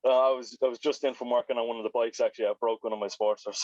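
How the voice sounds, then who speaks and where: A man's voice: mid-range voice, level tone, very fast, darkish tone, no echo. A man, chatting casually and rambling about motorbikes on a video call. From Ireland. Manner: rambling, swears then apologizes. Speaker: biker guest on a video call. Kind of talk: casual chat. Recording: dull lo-fi video call audio.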